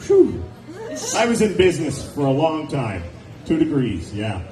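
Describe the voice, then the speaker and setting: A fairly high, warm voice with huge pitch swings and an unhurried pace belongs to a forty-something comedian doing stand-up at a nightclub on a handheld mic. He's sardonic and chatty with the audience, full of wry asides. Faint music plays behind him, and the echoey club is recorded from a distance with background noise.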